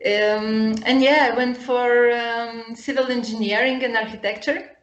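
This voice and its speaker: A woman of thirty from Lithuania, a guest chatting casually over a call and often pausing to search for English words. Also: fairly high pitch, fairly even intonation, muffled recording. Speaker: guest, upcycling designer and potter. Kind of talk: casual chat. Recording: roomy echoey sound.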